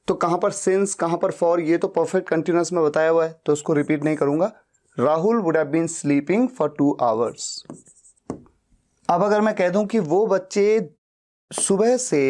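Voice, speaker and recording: Slow, deliberate male English teacher. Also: sits high, a little mellow. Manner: slow, deliberate, drawing out example sentences. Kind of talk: classroom grammar lesson.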